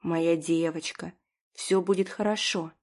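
Caring man, soft, tender, quiet, audiobook, a woman voicing him. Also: on the low side, fairly even intonation, a little slow. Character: gentle caring young man.

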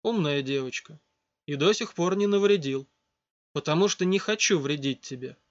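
A man voicing a mysterious bodiless stranger, speaking softly and coaxingly. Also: fairly high pitch, normal speed, no echo, close to an everyday voice. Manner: soft, coaxing and quiet. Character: mysterious bodiless male voice, soft and sly. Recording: dull lo-fi dry recording.

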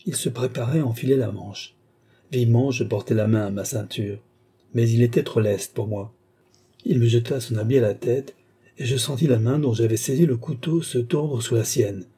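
A man reading a novel aloud as a narrator, in a measured storytelling manner. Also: mid-range voice, dark tone, breathy edge. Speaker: audiobook narrator. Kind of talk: scripted narration.

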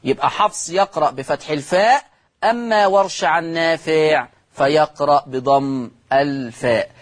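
Male Quran teacher, middle-aged, Egyptian accent, TV lesson, drawn-out demonstrations. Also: a little high. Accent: Egyptian Arabic. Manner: stretches out words slowly to show how they are pronounced. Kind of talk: televised religious lesson.

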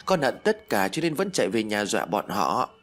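Horror storybook: the ghost of a little boy, high and childish, sulky and vengeful, put on by a male narrator, husky tone, lively pitch. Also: fairly quick. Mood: resentful.

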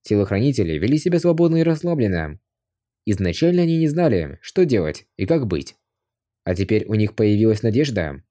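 A man reading an audiobook aloud as scripted narration, expressive, lifting his voice for shouted lines. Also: on the low side, a little fast.

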